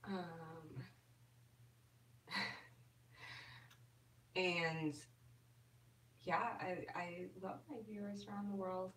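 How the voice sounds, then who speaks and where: A woman's voice: lowish voice, level tone, drawn-out words, long pauses, a bit bright, a little hiss or hum. A woman chatting casually on a live stream as an ASMR host, reading and answering viewer comments with fillers. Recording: roomy and distant from the mic.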